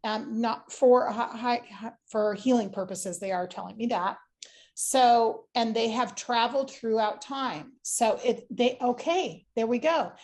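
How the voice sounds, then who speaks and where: A woman's voice: fairly high pitch, measured pace, darkish tone. A woman psychic giving a reading in casual chat, rambling with lots of "like" and restarts.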